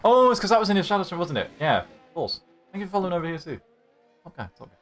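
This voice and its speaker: A man's voice: high voice, very animated, rapid-fire, background noise. Young guy streaming race commentary, jokey banter w chat, voice bouncing all over. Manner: chatty, jokey, teasing banter with viewers. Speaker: league host and commentator. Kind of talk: live-streamed racing commentary, chatting with chat.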